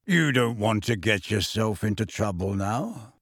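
Deep, slow, calm tall man as a man puts him on, lowered voice, dry close sound. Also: no echo.

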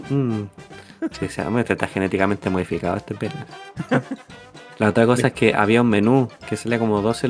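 Joking chilean guy, lowish voice. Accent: Chilean Spanish. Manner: joking storyteller, playful voices in quotes. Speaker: podcast host. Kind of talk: casual chat.

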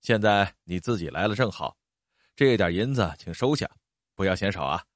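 A man's voice: sits low, expressive, moderate pace, no echo, clean studio sound, voice pushed down. A man doing a proud, curt tea merchant. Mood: polite. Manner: curt, later wheedling apologetic. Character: proud middle-aged male tea merchant.

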